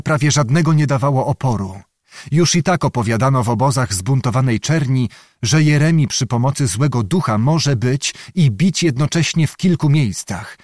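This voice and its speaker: A man reads a historical novel aloud in a measured, dramatic way, as an audiobook narrator. His voice sits at a mid pitch. The sound is dry and close, with no room around it. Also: darkish tone, dry recording.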